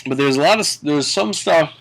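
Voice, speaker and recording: A man giving a casual comedic movie review in a tipsy, halting ramble, swearing and often chuckling mid-sentence. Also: on the high side, expressive, creaky, a bit bright. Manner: tipsy, drunken rambling delivery. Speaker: film reviewer.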